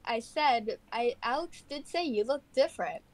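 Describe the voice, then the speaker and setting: A woman's voice: on the high side, lively intonation, normal speed, a little hiss or hum. A young woman talking bluntly and teasingly with friends over a voice call that cuts out. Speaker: gamer on voice chat. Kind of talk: casual gaming chat. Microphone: voice call, cutting out. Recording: voice call with music behind.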